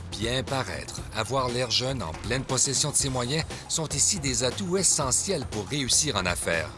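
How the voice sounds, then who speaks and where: Guy narrating a news report, low voice, steady and even, music playing under it. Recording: voice-over with music behind.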